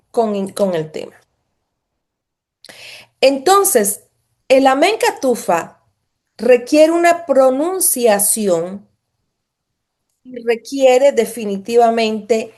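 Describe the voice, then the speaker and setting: Female religious teacher, slow and deliberate, a touch high-pitched, patient explainer who repeats herself and checks in often. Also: animated, darkish tone. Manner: repeats and restarts phrases as she explains. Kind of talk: online religious lesson.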